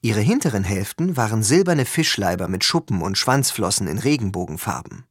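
A man reading a first-person story aloud as an audiobook, with expressive, lively storytelling. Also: lowish voice, fairly quick, breathy edge, dry recording, studio quality. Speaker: audiobook reader.

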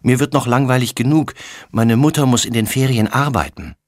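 A man's voice: medium pitch, brisk, no room sound, studio quality, voice pushed up, close to an everyday voice. A man voicing a chatty, eager little girl in a children's audiobook, rattling off plans breathlessly. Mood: sulky.

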